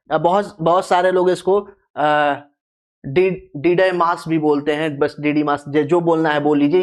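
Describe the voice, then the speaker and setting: A geography teacher giving an exam-prep lecture, repeating key terms, stretching them out syllable by syllable, and asking questions that it answers itself. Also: mid-range voice.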